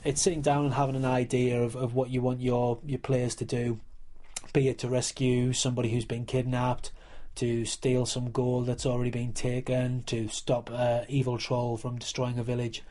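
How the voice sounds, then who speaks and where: A man's voice: mid-range voice, monotone, moderate pace, warm tone. A man who works as a game organiser, explaining earnestly in a documentary interview. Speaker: live role-play coordinator and referee.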